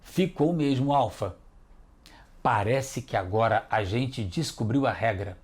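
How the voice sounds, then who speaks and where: A man's voice: mid-range voice, expressive, unhurried. A man hosting a children's educational TV lesson, patiently encouraging the kids as detectives. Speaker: teacher and host.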